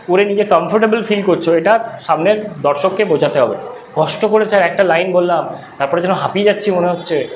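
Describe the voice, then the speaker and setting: A man teaching an English class as tutor, talking conversationally and often checking that students follow. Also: high-pitched. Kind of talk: classroom lecture. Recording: roomy echo, faint room noise.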